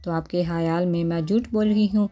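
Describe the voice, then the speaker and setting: A shy, innocent young bride from a romance novel, speaking softly, as a woman reads her. The tone is low and mellow over faint music. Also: steady tone, a little fast, muffled recording, natural voice. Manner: soft, shy. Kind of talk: storybook dialogue reading.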